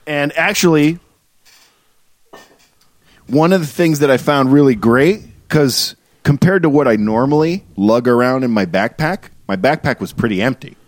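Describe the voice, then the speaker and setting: A man's voice: mid-range voice, normal speed, no room sound. A man co-hosting a podcast, joking around and swearing freely in casual banter. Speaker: podcast co-host.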